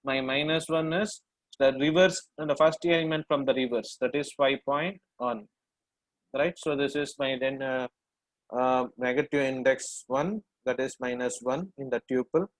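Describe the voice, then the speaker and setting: A man's voice: medium pitch, steady tone, normal speed, no room sound, rough recording. A middle-aged man with an Indian English accent, teaching a hands-on programming lesson step by step and often checking in with "right?". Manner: explains step by step with frequent "right?" and fillers. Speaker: lecturer.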